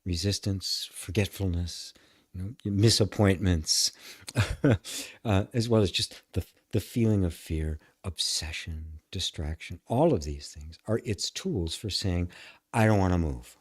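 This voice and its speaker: A man's voice: deep voice, unhurried, slightly rough, no echo, clean studio sound. A man teaching emotional tapping on a live stream, frank and sometimes profane, acting out inner voices as he talks.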